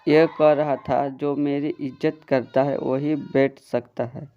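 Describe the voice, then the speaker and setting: A man's voice: mid-range voice, little pitch movement, slow, lo-fi sound, faint music behind. A man voicing a female school teacher who reports a pupil in a matter-of-fact, complaining way.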